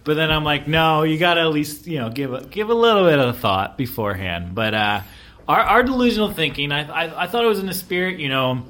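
A man co-hosting a podcast in casual chat, animated and often laughing, repeating his words as he goes. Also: a little high, a little fast. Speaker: podcast co-host.

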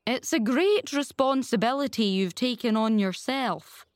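Storybook role: woman as opinionated busybody, blunt, gloomy, emphatic, with lively swoops in pitch. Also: measured pace, no echo, clean studio sound. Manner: outspoken, emphatic, solemn.

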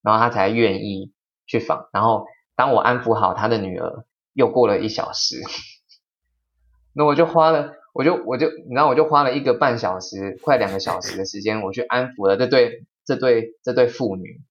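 Low-voiced man telling a story. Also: fairly quick. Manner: animated, quoting people, frequent restarts. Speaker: podcast host. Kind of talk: casual storytelling chat. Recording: slightly dull lo-fi sound.

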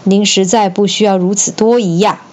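A woman's voice: mid-range voice, steady tone, moderate pace, darkish tone, natural voice. Brief: woman playing an old doctor, earnest and assured, near her own voice, dull lo-fi recording. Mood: pleading. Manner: self-assured, then pleading. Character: earnest, confident old male physician.

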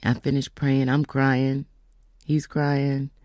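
A woman telling a faith testimony in a casual storytelling way, slowing down and dropping to whispers for emphasis. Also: extremely low pitch, flat delivery, darkish tone, no room sound, studio quality. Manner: storytelling, acts out quoted voices; slows down for emphasis, drops to whispers. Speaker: speaker giving a testimony.

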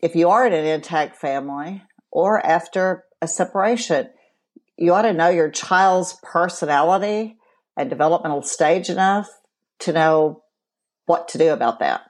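A woman in her forties, co-hosting a podcast and explaining things in a measured way from her counseling work. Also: on the low side, a little mellow. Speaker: podcast co-host and co-parenting counselor. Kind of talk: casual podcast chat.

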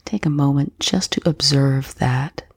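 A woman guiding a slow breath-counting meditation in a soft, gentle, breathy voice with unhurried pauses. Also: rumbling low, dry recording. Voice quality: soft, breathy, husky, often near whisper. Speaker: meditation guide.

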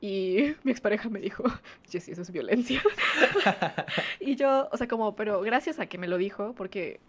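A woman's voice: medium pitch, normal speed. A woman, co-hosting a podcast in casual chat, talking with many fillers and frequent laughs. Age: 20s. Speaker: podcast co-host.

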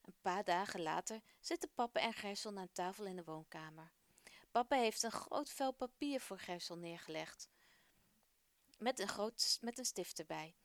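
A woman hosting a children's radio program, reading a family story aloud in clear, warm storytelling. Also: mid-range voice, normal speed, dry recording. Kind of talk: scripted story narration for children.

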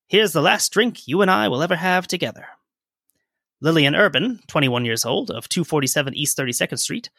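Bright-voiced man co-hosting a podcast. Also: on the high side, dry recording, clean studio sound. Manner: reads old newspaper quotes aloud, conversational. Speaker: podcast co-host. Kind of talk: casual history podcast chat.

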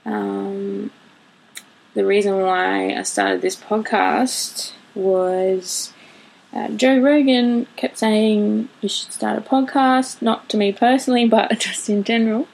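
A woman in her late twenties hosts her own podcast as a casual solo monologue, speaking candidly and rambling, with occasional laughs and swearing. Her medium-pitched voice is creaky and a little mellow, fairly even in intonation and slow-paced, on a low-quality recording.

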